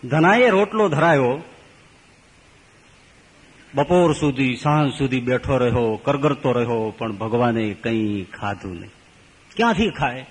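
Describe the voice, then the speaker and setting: A man with a Gujarati accent, a swami giving a storytelling scripture discourse, acting out the characters with big pitch jumps. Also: expressive, measured pace, pauses often, slightly rough, in a large hall, low-quality recording. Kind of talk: storytelling sermon.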